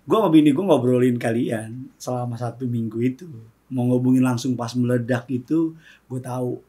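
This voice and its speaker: A man's voice: mid-range voice, moderate pace, mellow, slightly rough. A man hosting a talk show, asking casual, probing questions. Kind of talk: casual interview chat.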